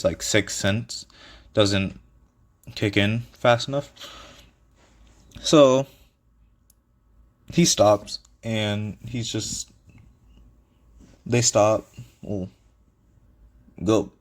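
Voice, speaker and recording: A low-pitched man makes up a fan story as he goes, rambling and stopping to rethink. He talks slowly, with lots of fillers and restarts, and laughs lightly at his own jokes. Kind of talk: casual improvised narration.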